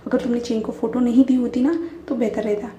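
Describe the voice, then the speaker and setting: A woman's voice: on the high side, steady tone, brisk, dark tone, close to an everyday voice. A woman voicing a brusque young man who is bossy and easily annoyed, with snappy retorts. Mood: irritated. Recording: echoey room.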